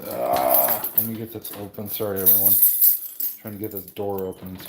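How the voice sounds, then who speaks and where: A man's voice: on the low side, level tone, moderate pace, noisy background. A man hosting a casual livestream from his game room at home, greeting viewers and rambling through his collection with frequent restarts. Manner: rambling, self-correcting. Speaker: livestream host. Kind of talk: casual chat with live viewers.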